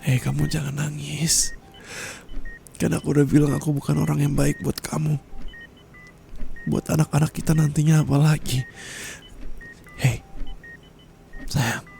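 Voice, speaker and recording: A young man plays a dying husband in a whispered role-play, murmuring tender apologies close to the mic. The voice is warm and dark with a gravelly edge, and a faint hiss sits behind it. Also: a little high, little pitch movement, measured pace, pauses often. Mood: consoling.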